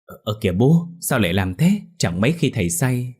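Guy doing grown son, calming, a bit husky. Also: medium pitch, a little fast. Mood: placating. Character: dutiful grown son, calm.

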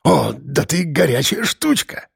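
A man's voice: fairly high pitch, very animated, measured pace, vocal fry, slightly rough, no echo, studio quality, exaggerated voice. A man voicing a lecherous young male convict in an audiobook, with a strained, wheezing voice. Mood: leering.

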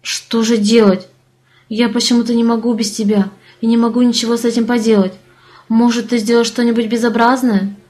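A woman voicing a hot-tempered young Earthling man in love, speaking in forceful, growling outbursts. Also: a little high, flat delivery, brisk, natural voice. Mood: desperate.

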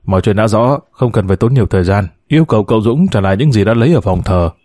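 A man's voice: on the low side, animated, fast talker, a little mellow, no echo, studio quality. A man voicing a stern older man firmly questioning a young suspect. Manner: firm, interrogating.

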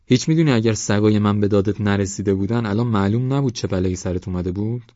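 A man's voice: lowish voice, warm tone, no echo, highs cut off, natural voice. A man voicing a blunt old shepherd who scolds a careless young man in a raised voice. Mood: scolding.

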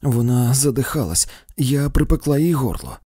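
A composed young woman gives short, firm commands, voiced by a man reading aloud. The voice is dark and husky, close to the mic in a dry recording, with a storybook feel. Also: mid-range voice, very animated, moderate pace, no echo, pitched above the performer's own voice. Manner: firm and curt.

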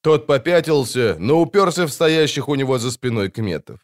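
A man narrating a fantasy story from a script in an expressive, storytelling manner. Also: medium pitch, normal speed. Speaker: audiobook narrator.

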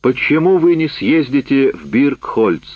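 A man voicing a bitter, worn-out man back from a camp, speaking loud and heated, in a dull, dry recording. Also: mid-range voice, animated, normal speed, slightly rough, no room sound. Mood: accusing.

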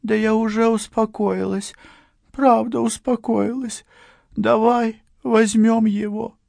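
A man's voice: high-pitched, flat delivery, takes it slowly, creaky, darkish tone, dry recording, clean studio sound, voice pushed up, full character voice. A man voicing a shaken female police partner who speaks with a trembling, pleading voice. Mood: anxious.

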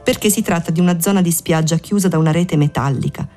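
A woman reading the lines of a breezy young man who leads his friend to a hidden beach, in a calm, plain voice. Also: fairly low pitch, fast, faint music behind, natural voice. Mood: easygoing.

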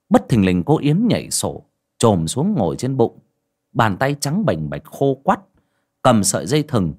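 Husky male horror narrator. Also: medium pitch, a little mellow. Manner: dramatic storytelling. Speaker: audiobook narrator. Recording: narration over faint music.

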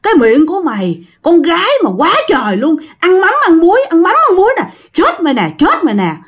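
A woman voicing a huge, dark male spirit who snarls and shouts threats. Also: very high voice, sing-song, fairly quick, voice pushed up. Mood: furious.

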